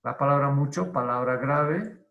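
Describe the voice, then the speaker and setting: A male teacher giving an online grammar lesson, who explains deliberately, repeats key terms and asks and answers his own questions. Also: medium pitch, gravelly. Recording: roomy, dull lo-fi online class audio.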